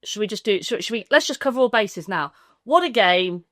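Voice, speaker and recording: A woman's voice: medium pitch, animated, fairly quick, fairly bright tone, dry recording. An English woman co-hosting a casual football podcast, chatty and giggly, often trailing off mid-sentence. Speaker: podcast co-host. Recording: dry, slightly rough sound.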